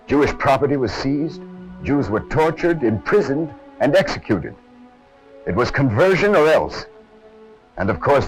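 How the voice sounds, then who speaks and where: On a harsh, over-modulated old film soundtrack, a man with a mid-range voice delivers scripted, dramatic documentary narration. He is the presenter of an army training film, and the recording is rough.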